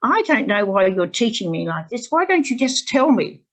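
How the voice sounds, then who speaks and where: A woman's voice: fairly high pitch, very animated, normal speed, voice pushed up. A woman quoting an upset young student. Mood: irate. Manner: upset, insistent, rising to near-shouting. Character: frustrated young female language student.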